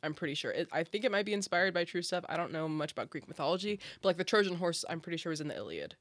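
A woman's voice: lowish voice, expressive, rapid-fire, no echo, studio quality. A young woman co-hosting a casual chat, rambling and hedging with frequent laughter. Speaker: podcast co-host.

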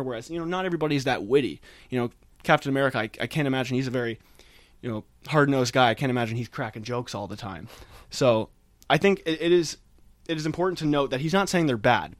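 A talkative man hosts a conversational film discussion podcast from inside a chilly attic. He speaks at a medium pitch, and there's no room sound in the recording.

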